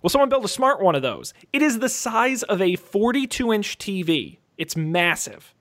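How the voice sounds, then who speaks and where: A man co-hosting a casual podcast, talking informally and enthusiastically, as if pitching gadgets to friends. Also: big pitch swings, normal speed, a bit bright. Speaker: podcast co-host.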